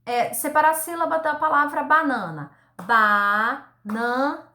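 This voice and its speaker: A woman teacher giving a recorded lesson to young children, speaking slowly and patiently, sounding words out syllable by syllable and checking in with a frequent "tá?". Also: high-pitched, expressive, sharp tone, roomy sound. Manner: ends phrases with a checking "tá?". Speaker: primary school teacher.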